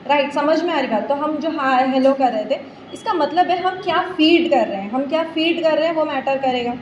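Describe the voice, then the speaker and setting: Woman life coach, high voice, echoey room, faint background hiss, explains with analogies, keeps asking if it makes sense. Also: fairly quick, muffled recording. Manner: explains with analogies, checks understanding with questions. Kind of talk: religious-flavored mental health talk to a group.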